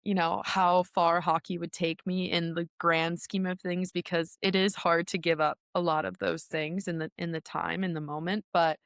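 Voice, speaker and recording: A young woman from Minnesota, a hockey player answering interview questions in a chatty, relaxed way with frequent laughs and restarts. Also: lowish voice, normal speed, hardly any pauses, smooth, dry recording, clean studio sound. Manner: chatty, laughs often, many ums and restarts. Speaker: guest, pro hockey player. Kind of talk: casual interview talk.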